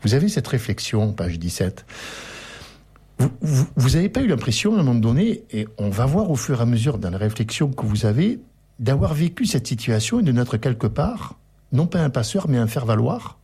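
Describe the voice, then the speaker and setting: A man hosting a radio book interview, reading passages aloud with animated emphasis. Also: medium pitch, a little fast, husky. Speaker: radio host.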